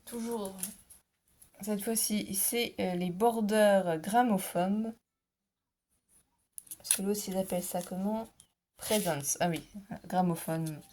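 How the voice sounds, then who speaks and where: A middle-aged woman presents her craft haul in a relaxed, chatty way. She hesitates often and fills gaps with little fillers. Her voice sits at a medium pitch. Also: slow, pauses often, a little hiss or hum. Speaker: scrapbooking vlogger. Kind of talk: casual product haul.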